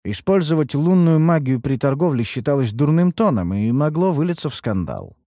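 A man reading a first-person fantasy audiobook in an expressive, wry manner. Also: fairly high pitch, moderate pace, no room sound, clean studio sound. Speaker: audiobook narrator.

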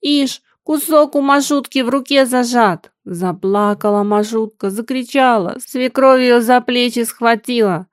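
A woman's voice: on the high side, a little slow, hardly any pauses, dry recording, clean studio sound, lightly acted. A woman voicing a poor, grieving peasant mother who speaks in plaintive, sighing folk speech.

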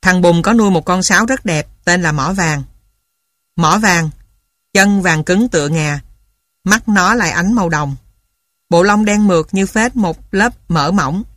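A woman narrating a childhood story for an audiobook in a calm, even reading voice. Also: lowish voice, a little slow, no echo, clean studio sound.

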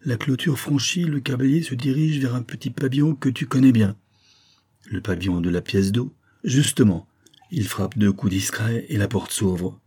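A man reading a novel aloud, voicing a sly, mocking nobleman who speaks calmly and sneers. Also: mid-range voice, moderate pace, slightly rough, voice pushed up, lightly acted. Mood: cold. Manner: cool and sneering.

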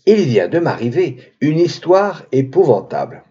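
A man's voice: fairly high pitch, very animated, a little slow, warm tone, husky, heavily acted. Brief: male reader as a sinister old seaman in a storybook reading, on a dull lo-fi recording. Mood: lugubrious. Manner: lugubrious, sinister. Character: gloomy old male sailor telling a tale.

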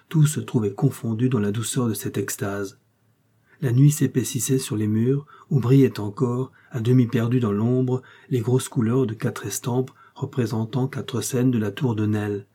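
A man reading a classic novel aloud in a measured, expressive way. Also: medium pitch, husky. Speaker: audiobook reader. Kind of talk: literary narration.

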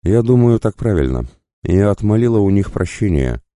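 A man voicing a calm, earnest young woman healer in an audiobook, speaking softly and steadily. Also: lowish voice, moderate pace, no echo, clean studio sound, voice pushed up.

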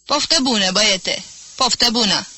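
A woman voicing a gentle, hungry old beggar man who speaks with humble, courteous old-fashioned politeness. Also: medium pitch. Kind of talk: audiobook character voice.

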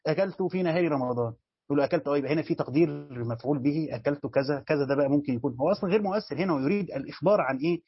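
Egyptian male teacher, fairly high voice, quick explanatory delivery, muffled dry lo-fi sound. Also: slightly rough, no echo. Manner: explanatory, asks and answers his own questions. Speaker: Quran commentary teacher. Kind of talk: colloquial Egyptian lecture on Quran exegesis. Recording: dull, dry lo-fi recording.

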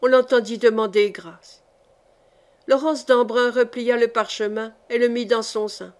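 A woman narrating a historical novel as an audiobook, in a measured, dramatic reading. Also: a little high, fairly even intonation.

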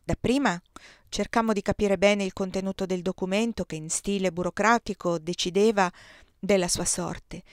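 A woman audiobook reader narrating a novel in the first person, expressive, dropping to a soft hush at quiet moments. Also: medium pitch, normal speed, dry recording, clean studio sound.

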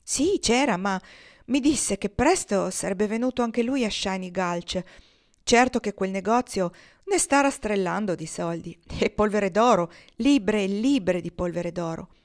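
An eager, talkative gold prospector from an old storybook, voiced lightly by a woman reading aloud. He tells his tale with lively enthusiasm at a middle pitch. The voice stays close to the reader's own. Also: a little slow, close to an everyday voice.

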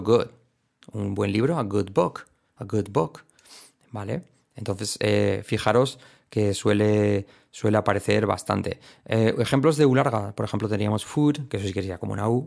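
Un hombre con acento de España que da una lección de pronunciación inglesa en audio, de forma juguetona, repitiendo ejemplos y haciendo imitaciones. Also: male voice, fairly low pitch, vocal fry. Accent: Spain Spanish. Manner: playful, explains with mock examples and repetition. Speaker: English teacher. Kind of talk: recorded audio lesson.

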